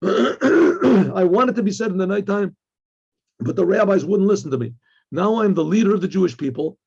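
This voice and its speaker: A man teaching as a rabbi reads out and explains a religious text in halting fashion, asking rhetorical questions and going back over the same phrases. His voice sits high and sounds animated, a little mellow, and husky and gravelly, with regular throat-clearing, all captured in dull, lo-fi sound.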